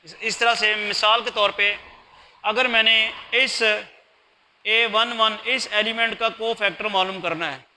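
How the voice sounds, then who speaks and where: Bright-voiced man giving a math lecture. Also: high voice, fairly even intonation, takes it slowly, slight background noise, poor audio. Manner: patient, explains step by step, mixes in English terms. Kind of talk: recorded lecture.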